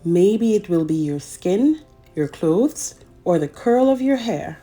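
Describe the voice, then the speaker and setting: A woman with a fairly low, mellow voice hosts a children's read-aloud, telling a picture-book story expressively at a slow pace. She's animated and speaks directly to young listeners over soft background music.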